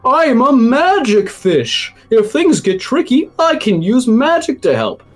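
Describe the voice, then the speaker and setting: Man as a squeaky magic fish, high and swooping, for a tabletop game. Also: sing-song, unhurried, exaggerated voice. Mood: eager. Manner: high squeaky panicky cries.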